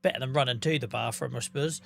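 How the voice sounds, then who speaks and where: A man's voice: mid-range voice, fast, creaky, fairly bright tone, soft background music. A man in his thirties, a live streamer chatting casually and jokily with his chat while gaming, swearing lightly and laughing often.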